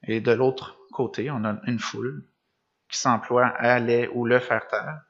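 A man's voice: mid-range voice, fairly even intonation, measured pace, creaky, fairly bright tone. A man preaching a sermon, reading gospel passages and explaining them with rhetorical questions. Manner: reads passages then comments, with restarts and rhetorical questions. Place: church or meeting room with a screen behind him. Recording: dull lo-fi sound.

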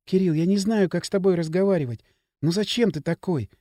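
A man's voice: high voice, brisk, mellow, dry recording, clean studio sound, close to an everyday voice. A man voicing a lonely young woman who speaks in a pleading, tearful way.

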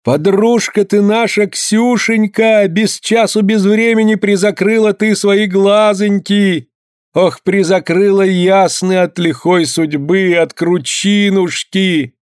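Guy putting on a high wailing peasant woman, furious and grieving, dry close sound. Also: steady tone, slow pace, no echo. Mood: keening lament. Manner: wailing folk lament, shrill shouting.

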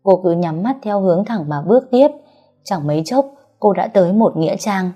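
A woman narrating a story in a steady, even storytelling manner. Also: mid-range voice, moderate pace, faint music behind. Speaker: audiobook narrator.

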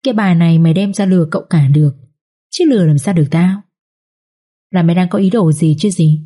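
A woman voicing a sly, sharp-tongued young maid who mocks her rival, in a read-aloud story. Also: on the low side, quick pace, close to an everyday voice. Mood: mocking.

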